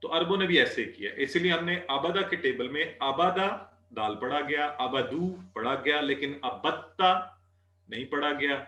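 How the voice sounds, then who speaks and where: A man teaching an Arabic class, patiently repeating words slowly for students to drill. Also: medium pitch, pushed and bright, reverberant. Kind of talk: online class lesson.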